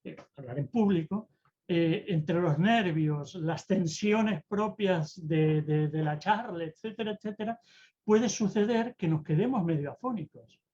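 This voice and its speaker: A presentation-skills mentor gives an online talk on public speaking. The delivery is theatrical, with deliberate shifts in tone and pace. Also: mid-range voice, warm tone, muffled recording.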